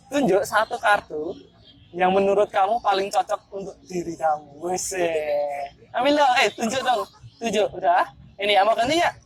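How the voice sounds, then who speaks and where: Young male street magician; playful, teasing banter, recorded outdoors in a park. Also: sits high. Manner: playful, teasing, chatty with strangers. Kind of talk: casual street performance patter.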